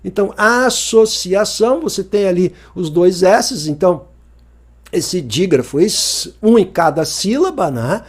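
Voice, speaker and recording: Male teacher, higher voice, jokey and lively, talks straight to the viewer. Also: unhurried, breathy edge. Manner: lively, joking, asks the viewer questions often. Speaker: Portuguese teacher. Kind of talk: exam-review lesson.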